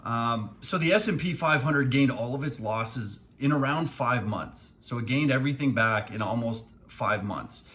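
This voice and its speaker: A man's voice: mid-range voice, moderate pace, hardly any pauses. Casual male financial advisor, many fillers. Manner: relaxed, many fillers, plainspoken. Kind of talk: casual video commentary.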